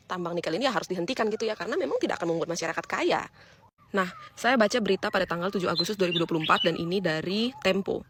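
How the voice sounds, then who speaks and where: A woman's voice: on the low side, fairly bright tone, husky. A woman vlogging in a casual, chatty way, explaining things to her viewers with fillers and questions.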